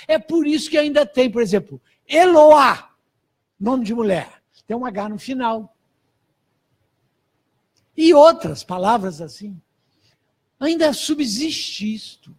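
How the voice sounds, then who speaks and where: A man with a Brazilian Portuguese accent giving a live lecture, explaining step by step and putting questions to his audience. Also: extremely high pitch. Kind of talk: live lecture on old handwriting.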